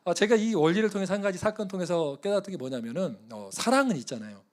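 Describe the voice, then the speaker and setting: A man preaching at a church service, in a conversational, animated storytelling style. His voice sits somewhat high for a man, and it swings between soft, low asides and louder, excited moments. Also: quick pace. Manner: animated, conversational, often chuckling. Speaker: guest missionary preacher. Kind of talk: sermon with personal storytelling.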